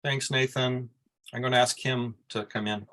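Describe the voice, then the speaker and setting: A man hosting an online reading event over a video call, gently calling on speakers one by one. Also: mid-range voice, fairly even intonation, normal speed. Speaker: event host.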